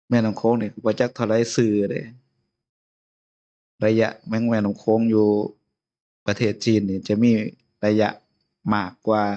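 A man's voice: lowish voice, mellow, lo-fi sound. A man with an Isan Lao accent giving an informal Buddhist sermon as abbot, chatty and chuckling often. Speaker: abbot giving a Dharma talk.

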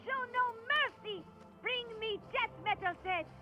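A woman's voice: very high-pitched, unhurried, loud music behind the voice. An actress playing a teasing female guide who gives a dramatic, goading pep talk in a video game. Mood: goading, excited. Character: teasing female caller goading an assassin to fight. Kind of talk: video game character acting.

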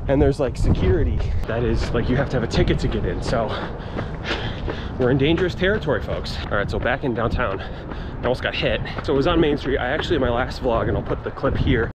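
A man's voice: mid-range voice, lively intonation, fast talker. American man talking while running, noisy outdoors. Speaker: running vlogger. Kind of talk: casual vlog chat to camera. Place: outdoors on residential and downtown streets. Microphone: action camera held at arm's length. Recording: clear outdoor street and traffic noise.

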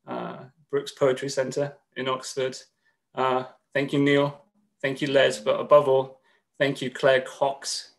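A man in his thirties from Greece, a poet speaking with slightly nervous earnestness and reading his poems in a measured way on a video call from a room at home. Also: mid-range voice. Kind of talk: poetry reading at an online launch.

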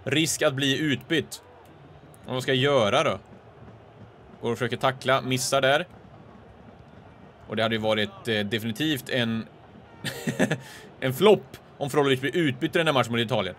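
A man from Sweden talks through a football video game in a relaxed let's-play manner. His voice sits at a middle pitch for a man. Calm running commentary breaks into sudden excited shouts during close chances. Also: long pauses, slight background noise. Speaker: gaming channel host.

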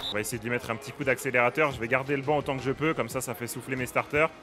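Over music, a young gaming streamer races through excitable, casual commentary on a basketball video game, often shouting at the play and laughing. His voice is mid-range.

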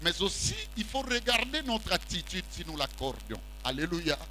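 In a large church hall full of congregants, a male preacher with a lively, high-pitched voice delivers a sermon at a moderate pace, trading call-and-response lines in a mix of French and Lingala. He roams the stage with a handheld mic while soft music plays behind him.

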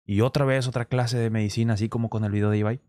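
A man's voice: medium pitch, fast, no room sound. A man with a Mexican accent, reacting to a clip on stream in casual, slangy talk full of swearing. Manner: crude slang, swearing, animated demonstrations.

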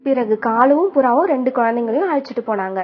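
A woman's voice: a little high, quick pace. Woman narrating a sad cartoon story. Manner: sorrowful, steady telling. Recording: dull lo-fi with faint music.

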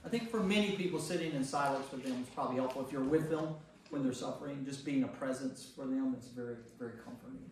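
A fast-talking pastor with a medium-pitched voice teaches an informal Bible study to a small group, chatting conversationally, stressing points through repetition, and asking listeners questions. He's recorded on a distant microphone in an echoey room, with noise.

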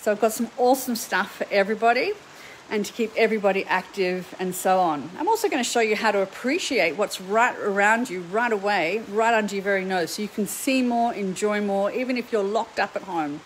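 A middle-aged Australian woman teaches art on a live stream. She talks in an upbeat, chatty way, and her voice sits at a middle pitch. A faint hum of noise is heard behind her. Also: brisk, rough recording. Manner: upbeat, chatty, greets viewers by name. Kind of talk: live stream chat to viewers. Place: home painting studio.

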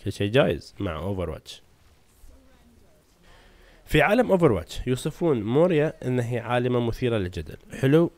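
Rapid-fire chatty man. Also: medium pitch, sing-song, darkish tone, no echo. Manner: chatty, asks the audience "right?". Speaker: gaming channel host. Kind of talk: casual lore explainer.

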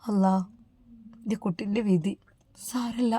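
A woman with a Malappuram accent voicing an emotional, doting mother in a soft, affectionate, higher voice. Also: unhurried, lightly acted. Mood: resigned. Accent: Malappuram Malayalam.

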